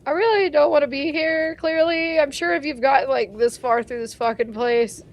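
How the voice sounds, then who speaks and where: A woman's voice: sits high, normal speed. A woman voicing a frank, reluctant nine-year-old captive girl in a tabletop game, talking casually. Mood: glum, frank. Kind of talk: tabletop role-play.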